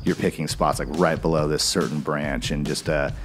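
A man in his thirties talking about fly fishing in a relaxed, musing way, full of fillers, with music behind him. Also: rumbling low, moderate pace. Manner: laid-back, musing, filler-heavy. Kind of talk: relaxed reflective interview.

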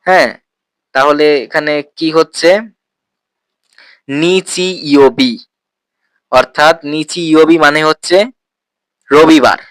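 A man teaching a language lesson, patiently explaining and slowly repeating words, often asking his listeners questions. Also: a little high, fairly even intonation, fairly bright tone, smooth, no echo.

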